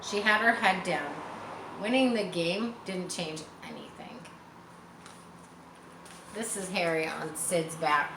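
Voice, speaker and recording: In a fairly low voice with some vocal fry, a woman reads a children's book aloud expressively, pausing to explain things to young listeners in chatty asides. The mic is a little distant in an echoey room, and faint noise sits behind her.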